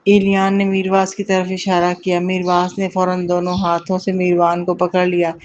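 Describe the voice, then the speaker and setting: An audiobook narrator reading a novel episode in a steady, unhurried way. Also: mid-range voice. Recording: dull lo-fi recording.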